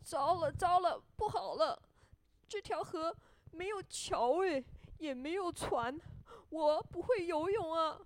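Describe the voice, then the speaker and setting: A woman's voice: high voice, expressive, slow pace, clear, resonant tone. A taunting gingerbread cookie boy, put on by a woman. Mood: panicked. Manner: taunting, sing-song, laughing. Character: cheeky boastful little male gingerbread cookie.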